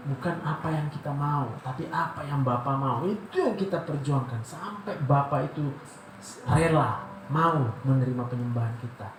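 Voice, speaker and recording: A man, a doctor, giving a devotional sermon in an animated way, asking rhetorical questions and acting out prayers. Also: on the high side, normal speed. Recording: echoey room with loud background noise.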